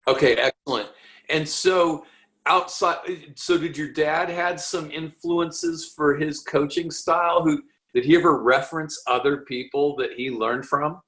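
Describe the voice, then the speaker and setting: A man hosts a casual podcast interview over a video call, his voice on the high side, fairly bright and evenly intoned, at an unhurried pace. He asks questions eagerly and often restarts his sentences.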